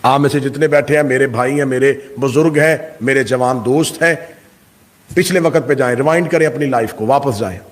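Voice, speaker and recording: A male Shia cleric giving a majlis sermon, oratorical and full of rhetorical questions, swinging from loud peaks to hushed asides. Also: medium pitch. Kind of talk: majlis sermon to a live congregation.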